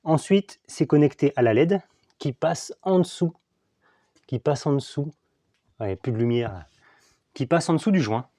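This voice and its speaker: A man with a slightly high voice chats through a hands-on review of car accessories. He thinks aloud as he tests each piece and pokes fun at himself along the way. The recording is dry and close, with almost no room sound. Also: lively intonation, moderate pace, long pauses, dark tone, no room sound. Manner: chatty and self-mocking, thinks aloud while testing. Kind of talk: casual hands-on product review.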